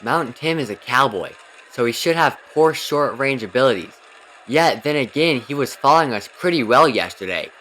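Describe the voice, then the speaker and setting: A man's voice: medium pitch, expressive, moderate pace, fairly bright tone, slight background noise, natural voice, poor audio. A man voicing an earnest young horse racer in an emphatic, overacted anime fan dub, explaining as he goes. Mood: earnest, concerned.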